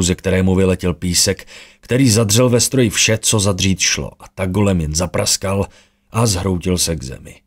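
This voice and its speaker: Man, deep voice, fantasy audiobook narration, steady storytelling.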